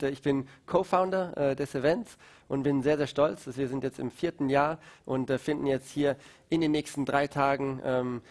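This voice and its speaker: Festival host, halting. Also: male voice, on the high side, darkish tone. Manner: hesitant, many fillers, switches between German and English. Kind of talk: live-streamed conversation.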